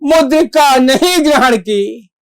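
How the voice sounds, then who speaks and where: In a dry recording, a high-pitched stage actor delivers a devotional monologue in the role of a reverent, valiant divine monkey messenger, using formal, declamatory speech punctuated by dramatic pauses.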